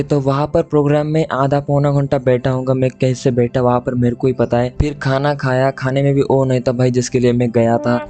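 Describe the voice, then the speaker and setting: Flat-toned young man telling a story. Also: mid-range voice. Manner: chatty, addresses listener as "bhai". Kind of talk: casual storytime monologue.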